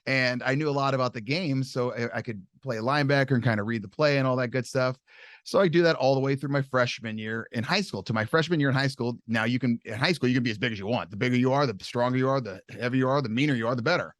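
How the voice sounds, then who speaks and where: A man in his forties spins stories from his youth at a brisk, tumbling pace, animated and loose, with an occasional swear word. His voice sits at a middle pitch and is caught close and dry on a podcast mic, with no room around it. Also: no room sound. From California. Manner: quick, animated storytelling with mild swearing. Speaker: guest, long snapping coach. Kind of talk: casual storytelling interview.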